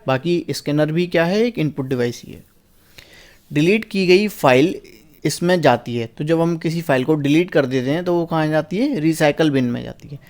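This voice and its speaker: A young male teacher with a fairly high voice leads a lesson on a past exam paper. He asks each question himself and then answers it. He slows right down to read the English lines word by word. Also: a little mellow.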